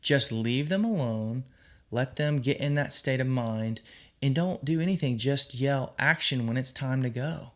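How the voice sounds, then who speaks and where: A man's voice: medium pitch, measured pace, fairly bright tone. A man, a film director, talking casually to his viewers, rambling with frequent ums and restarts as he gives earnest advice. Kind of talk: casual vlog monologue.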